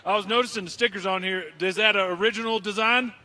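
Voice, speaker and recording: A boisterous man reports trackside at a mountain race finish line, joking and hyping up the driver beside him. His voice sits high and comes out very bright and forceful. He talks at a rapid clip. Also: steady tone, rough recording.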